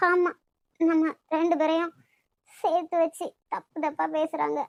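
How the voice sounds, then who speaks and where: A woman's voice: very high-pitched, level tone, unhurried, gravelly, heavy background noise, heavily acted. A woman with a Kanyakumari Tamil accent voicing a hurt young heroine who complains and pleads. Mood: upset. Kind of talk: cartoon voice acting.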